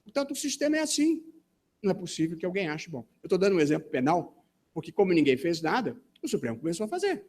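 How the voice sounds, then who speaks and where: A man with a Brazilian Portuguese accent giving a formal talk at a legal seminar. He speaks in a measured, deliberate way and often pauses with hesitation fillers. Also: sits high, sing-song, darkish tone, slightly rough. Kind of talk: formal conference speech. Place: conference hall in Brazil.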